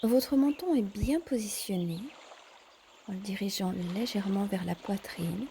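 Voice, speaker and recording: A woman leads a yoga session with calm, guided instructions, measured in her delivery and pausing between short phrases. Her voice is mid-range, and there's slight background noise.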